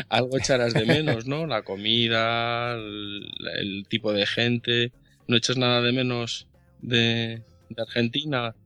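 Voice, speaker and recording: A man's voice: on the low side, sharp tone, clear, resonant tone, no echo. A man with a Spanish accent from Spain, a podcast host chatting and telling stories in a casual interview. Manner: chatty, storytelling. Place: Madrid.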